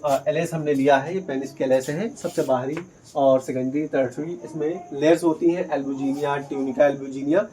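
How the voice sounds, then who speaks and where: Male biology teacher, higher voice, patient step-by-step explainer, faint insect noise behind. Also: fairly even intonation, moderate pace, mellow, rough recording. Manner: explains step by step, asks and answers his own questions. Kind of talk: whiteboard lesson.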